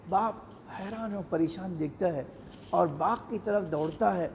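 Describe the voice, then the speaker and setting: Male preacher, high gravelly voice, warm and dark-toned, emotive storytelling sermon, long hall reverb. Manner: emotive, acts out the characters' pleas. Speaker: cleric giving a Ramadan lecture. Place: large mosque hall. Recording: echoey hall, dull lo-fi sound, faint noise.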